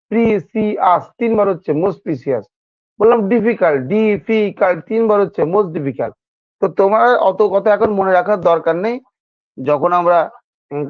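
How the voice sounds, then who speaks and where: A man's voice: high-pitched, no echo, narrow, tinny audio. A man teaching an exam-prep grammar lesson, who repeats each point and keeps asking his students questions. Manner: addresses students informally. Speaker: English teacher.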